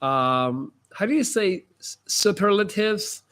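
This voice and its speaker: His voice sits high and a bit bright, animated though slow-paced, as this Belgian livestream host answers comments and hands out advice in casual live chat. A native Dutch speaker with an American-sounding accent, he keeps things informal and emphatic, tossing in slangy asides.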